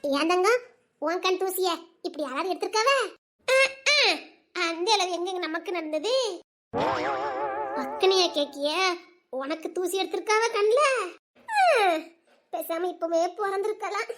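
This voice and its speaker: A young woman plays a talkative village girl, teasing her friends in a fast, chattering way. Her voice sits very high, and the drama is acted in thick local dialect.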